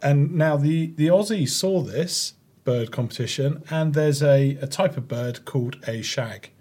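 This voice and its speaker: A man's voice: fairly high pitch, darkish tone. Hesitant man reading out the news. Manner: halting, filler-heavy delivery. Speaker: podcast co-host reading out news. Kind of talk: casual comedy banter.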